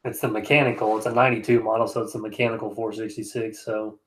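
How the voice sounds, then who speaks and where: Fast and flat, a fairly low male voice comes from an excavation contractor streaming live at home. Nose blocked, he chats loosely, reading comments and restarting sentences in an easygoing ramble.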